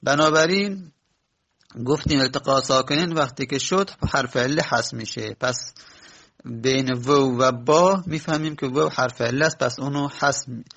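A man teaching a lesson, explaining step by step in a slow, methodical way, stretching out example words, pausing on fillers and correcting himself. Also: medium pitch, vocal fry, fairly bright tone, slightly rough. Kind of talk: classroom lesson on verb patterns.

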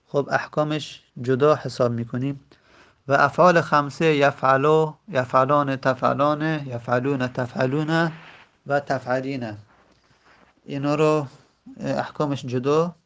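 Gravelly man teaching slowly. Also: medium pitch, fairly even intonation, a bit bright. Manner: slow, repeats words and drawls examples; frequent hesitation fillers. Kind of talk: Arabic grammar lesson.

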